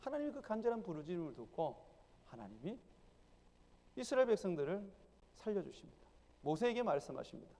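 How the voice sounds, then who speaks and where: Animated high-voiced Korean pastor preaching. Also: male voice, brisk, long pauses. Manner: emphatic preaching, acting out voices of the people in prayer. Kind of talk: sermon. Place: church sanctuary. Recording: church hall with long reverb.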